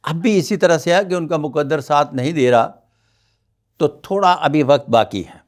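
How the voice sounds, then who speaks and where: A man speaking as a palmist guest on a podcast interview, with measured, formal and courteous phrasing. He is from Pakistan. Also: a little high.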